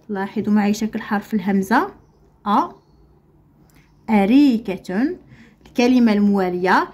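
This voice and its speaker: A woman's voice: mid-range voice, darkish tone, slightly rough. A woman with a Moroccan accent teaching Arabic letters to young pupils, drawing words out syllable by syllable. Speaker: primary school Arabic teacher. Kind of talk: recorded classroom lesson.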